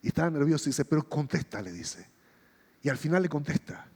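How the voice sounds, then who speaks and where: A man preaching a sermon as pastor, telling a story and acting out its dialogue with changing pitch and pace. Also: very animated, fairly quick, a little mellow, breathy edge. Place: church hall. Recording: long reverb of a church hall.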